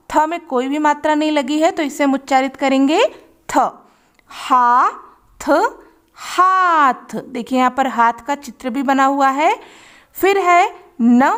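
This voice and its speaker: A woman teaching children to read, patiently sounding out letters and syllables one by one. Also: high voice. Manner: slow, patient, drawing out sounds. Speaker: Hindi reading teacher. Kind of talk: children's phonics lesson.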